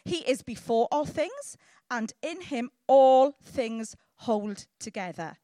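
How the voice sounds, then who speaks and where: Animated high-voiced south Welsh woman preacher. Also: slow, no echo, studio quality. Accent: south Wales Welsh. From Llanelli, south Wales. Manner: animated, teasing, often checks in with listeners using short questions. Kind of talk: lively informal sermon to a congregation.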